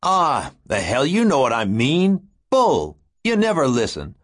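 A man voicing a big, agitated, blustering man who talks in a husky, urgent voice. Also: medium pitch, wildly swooping pitch, a little slow, voice pushed up. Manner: shouting, urgent, withering.

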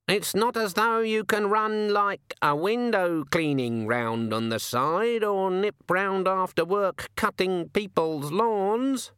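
A man's voice: high-pitched, fairly bright tone, clean tone, no echo, studio quality, pitched above the performer's own voice. A man doing a chatty grumbling raven. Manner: chatty, grumbling, slow drawling asides. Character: cocky talkative male raven, working-class.

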